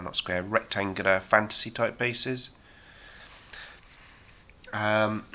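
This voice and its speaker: Hosting a miniature painting chat on his hobby channel, a man in his thirties talks in a lowish voice. He's relaxed and rambling, with lots of ums, and sounds slightly hoarse from a sore throat.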